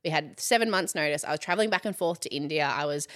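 The guest is an Australian woman in her thirties, a content creator who keeps saying "like" and laughing throughout a casual interview. She speaks quickly, her voice low-pitched yet fairly bright in tone.

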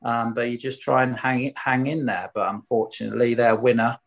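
A man's voice: mid-range voice, little pitch movement, fairly quick, creaky. A man from Swindon with a Wiltshire accent, a former footballer telling stories in a casual interview, candid, colloquial and questioning himself. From Swindon, England. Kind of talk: casual anecdotal interview chat.

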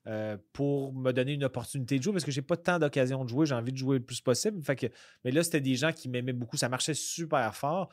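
Québécois comedian, dry close sound. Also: male voice, medium pitch, no room sound. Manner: rambling, halting, with many restarts and fillers. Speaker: comedian guest. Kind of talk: casual podcast chat.

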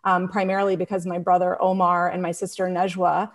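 A woman's voice: fairly low pitch, level tone, fairly quick. A woman introducing herself on a panel in an earnest, reflective way. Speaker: panelist, founder.

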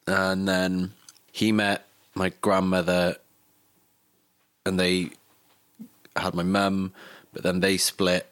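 This young adult man, from Cardiff in Wales but born in Greece, is an interview guest casually looking back on his life, swearing now and then. His low voice is a bit bright and clean with no echo, and he delivers it completely flat and slowly.

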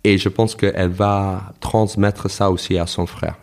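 Very deep-voiced American man. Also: flat delivery, darkish tone. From United States. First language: English. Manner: reflective, anecdotal, halting with frequent restarts. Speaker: guest, author. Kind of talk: casual interview conversation.

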